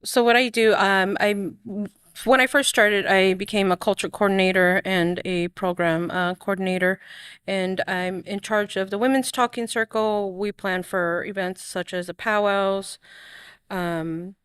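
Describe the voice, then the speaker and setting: A woman's voice: medium pitch, fairly even intonation, measured pace, a bit bright, clean tone, no echo, clean studio sound. A woman from Arizona, a guest in an interview, speaking hesitantly with fillers. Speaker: guest, program coordinator. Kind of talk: casual interview talk.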